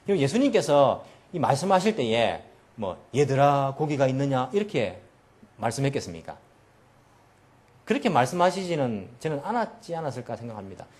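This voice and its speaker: Animated male pastor preaching. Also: medium pitch, brisk. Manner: animated preaching, acting out quoted voices. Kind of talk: sermon. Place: church.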